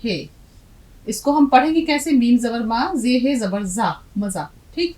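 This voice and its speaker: A woman's voice: a little high, lively intonation, mellow, poor audio. A middle-aged woman teaching a language lesson, patiently explaining letters and quizzing her students. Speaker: Urdu teacher.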